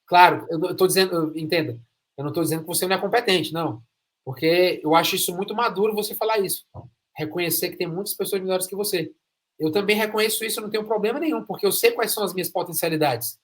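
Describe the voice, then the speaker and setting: Speaking quickly in a high voice, a Brazilian man runs an interview podcast with lots of enthusiasm. His delivery is emphatic, and he repeats phrases for stress.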